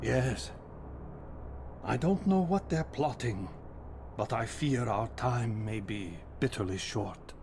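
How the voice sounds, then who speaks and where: Game role: ancient gentle vampire, world-weary and formal, very unhurried delivery, roomy reverberant sound. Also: male voice, mid-range voice, lively intonation, slight background noise. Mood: solemn foreboding. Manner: weary, solemn, measured formal speech. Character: ancient male vampire, last of his race, weary, gentle immortal. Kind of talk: dramatic video game voice acting. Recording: echoey, loud music behind.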